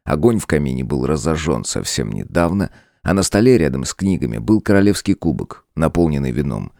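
A man narrating a fantasy audiobook in an expressive storytelling manner. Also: rumbling low, fairly quick, vocal fry, no echo, clean studio sound. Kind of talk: scripted narration.

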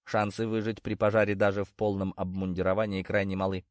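A man reading a first-person audiobook in a wry, deadpan manner. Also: lowish voice, fast talker, no echo, clean studio sound. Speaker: narrator.

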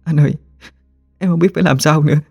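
A man's voice: fairly high pitch, a little fast, darkish tone, dry recording, dull audio, faint music behind, pitched above the performer's own voice. A man voicing a frightened young village woman who pleads through tears. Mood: tearful pleading. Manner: pleading, sobbing.

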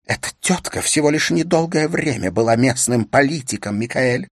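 A man's voice: mid-range voice, expressive, moderate pace, dry recording, voice pushed up, close to an everyday voice. Give me a wounded wife, jealous and near tears, as a male audiobook reader puts her on, accusing her husband. Her voice rises above the reader's own, with a dry, close sound. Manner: tearful, accusing.

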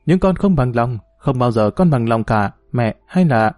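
A man's voice: mid-range voice, animated, moderate pace, darkish tone, no echo, studio quality, lightly acted. A man voicing a desperate young daughter who pleads tearfully with her mother.

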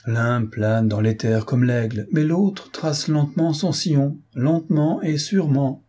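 A man's voice: mid-range voice, measured pace, dark tone, breathy edge, pitched above the performer's own voice. A man voicing a brusque, self-important older male philosopher who talks in an impatient, lecturing way.

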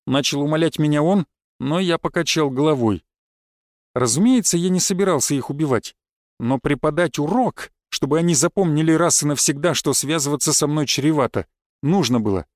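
A man narrating a first-person audiobook with a somewhat high voice. His delivery is calm, cold and matter-of-fact. The recording sounds dry and close. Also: moderate pace, no room sound.

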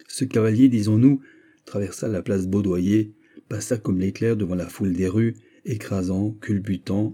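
Man narrating in a dark husky voice. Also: fairly low pitch. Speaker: audiobook narrator. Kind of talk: scripted narration of a classic novel.

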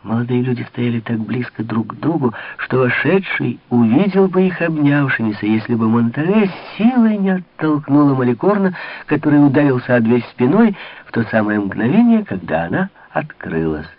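A man narrating a classic novel in an expressive literary reading. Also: medium pitch, normal speed. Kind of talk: audiobook reading on radio. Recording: narrow phone-like old radio sound.

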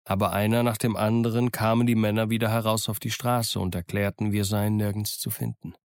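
A man narrating an audiobook in a steady, measured storytelling voice. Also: on the low side, no room sound, studio quality. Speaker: audiobook reader. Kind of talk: scripted first-person narration.

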